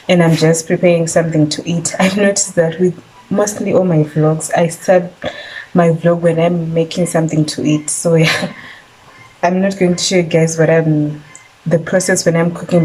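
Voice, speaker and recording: A woman's voice: low-pitched, mellow, slightly rough, poor audio. A young woman from Zimbabwe chatting casually to camera as a lifestyle vlogger, speaking with a slight lisp from jaw pain after a tooth extraction and often saying "so yeah" to her viewers. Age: 20s. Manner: chatty, repeats "so yeah", addresses viewers as besties. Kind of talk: casual vlog talk to camera. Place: rural home.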